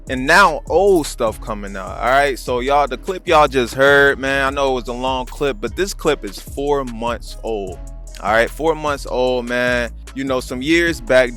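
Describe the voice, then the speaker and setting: Hosting his channel, a man with an American accent gives casual, slangy, conversational commentary on a video clip. His mid-range voice has a fairly bright tone, and background music plays behind him.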